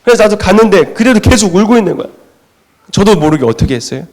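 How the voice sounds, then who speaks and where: A middle-aged man preaching a Sunday sermon in a church. His voice sits a little high and swings widely in pitch. He keeps asking the congregation questions and answering them himself. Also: lively intonation, fast talker. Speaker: pastor. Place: church sanctuary.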